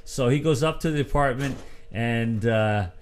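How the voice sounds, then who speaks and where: A man's voice: mid-range voice, moderate pace. Man, sports talk host, rambling storyteller, casual chat. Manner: rambling storyteller, acts out quotes.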